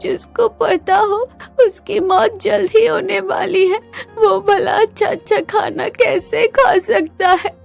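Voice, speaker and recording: A woman's voice: very high voice, expressive, slow pace, faint music behind, voice pushed up, exaggerated voice. A woman voicing a frightened young female goat in a cartoon, pleading and crying. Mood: pleading, tearful. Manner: pleading, tearful. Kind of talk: cartoon voice acting.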